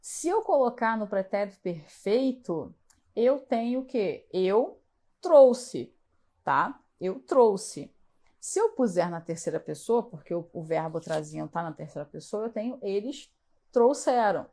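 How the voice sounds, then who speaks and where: A woman teaching Portuguese grammar during a live exam review. She talks in a mid-pitched voice and explains each answer patiently, step by step. She often pauses to check that her students are following. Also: animated, a little mellow.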